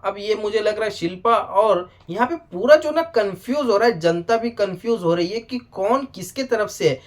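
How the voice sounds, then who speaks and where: A man with a notably high-pitched voice talks through a casual video review. He is lively and direct, often speaking straight to the show's producers. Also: moderate pace. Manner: animated, addresses the show directly, frequent "bhai sahab". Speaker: reality show reviewer.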